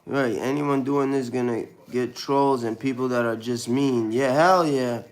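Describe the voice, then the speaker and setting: A man's voice: mid-range voice, steady tone, unhurried. A man in his thirties with a New York Brooklyn accent, chatting loosely on a live stream and saying "bro" constantly. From born in Ukraine, raised in Brooklyn, New York. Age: 30s. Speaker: livestreamer answering chat. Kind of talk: casual live-stream chat.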